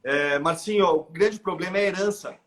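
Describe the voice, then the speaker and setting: His voice sits high and moves fairly quickly as this middle-aged guest expert, with a Brazilian Portuguese accent, explains his views in a live interview. He's animated, full of "né?" tags and restarts.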